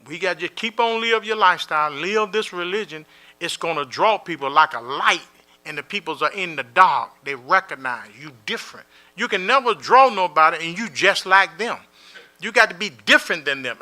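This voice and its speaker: A man's voice: a little high, sharp tone. A man, an imam and jail chaplain, giving a talk full of folksy stories in casual speech, acting out the people he quotes.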